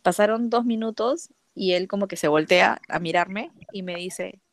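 A woman's voice: mid-range voice, normal speed. A young woman casually telling a personal story, acting out the dialogue with lots of fillers. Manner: lively, acts out quoted dialogue, frequent fillers.

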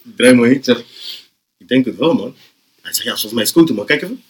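A young man, telling an animated, slang-heavy story on a casual podcast and often laughing. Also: medium pitch, fast. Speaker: podcast host.

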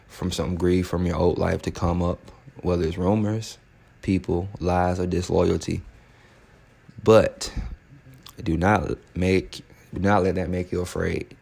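A man's voice: low-pitched, level tone, takes it slowly, gravelly, pauses often, mellow. A man hosting a podcast in a casual solo monologue, emphatic and preachy, repeating phrases to drive a point home. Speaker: podcast host.

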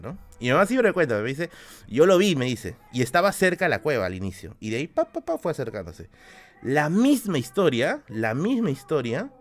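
A young man with a Peruvian accent, a streamer telling spooky stories in a casual way and ending his lines with quick tag questions. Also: medium pitch. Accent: Peruvian Spanish. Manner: animated, tags lines with "¿no?". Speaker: streamer host.

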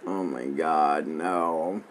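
A man's voice: rumbling low, drawn-out words, background noise. A man chatting casually and crudely while reacting to a movie with friends, often laughing.

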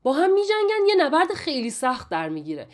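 A woman retelling and explaining an old Persian epic in a lively, chatty storytelling manner. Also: high voice. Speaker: Shahnameh reader and explainer. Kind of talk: storytelling lesson.

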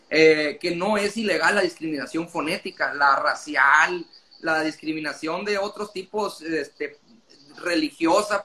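High, bright man chatting. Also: slight background noise. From Mexico. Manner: talkative, explanatory, often self-interrupting. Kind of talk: casual conversation.

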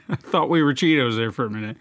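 A middle-aged man hosts a relaxed film podcast. He jokes along and often stumbles and starts sentences over. His voice sits at an ordinary pitch in a dry, close recording. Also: a little fast, no echo. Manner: jokey, with stumbling restarts. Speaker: podcast host. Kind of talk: casual film chat.

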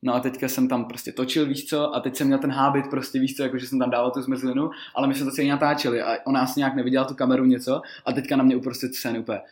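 A man telling loose, rambling stories as a guest, laughing often and filling pauses with lots of small words. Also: mid-range voice, little pitch movement. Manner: rambling, laughing, full of fillers. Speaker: guest rapper. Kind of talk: casual storytelling.

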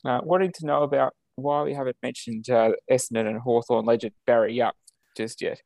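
A man's voice: medium pitch, steady tone, a little fast, vocal fry, a little mellow, no echo. An Australian man co-hosting a podcast over a video call, chatting casually with lots of ums and uhs. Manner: easygoing, many ums and uhs, chuckles. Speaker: podcast co-host. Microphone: video call setup.

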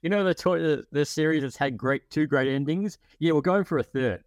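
A man's voice: fairly high pitch, brisk, dry recording, clean studio sound. A man co-hosting a casual podcast, talking animatedly and acting out quotes in a raised voice. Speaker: podcast co-host.

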